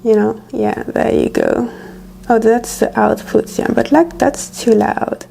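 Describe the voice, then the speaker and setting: Higher-pitched, creaky woman rambling through a review. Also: fairly even intonation, takes it slowly, dark tone, slight background noise. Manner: rambling, thinking aloud while testing gear. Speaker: product reviewer. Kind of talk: casual chatty ASMR unboxing and review. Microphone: close wireless lavalier microphone being tested.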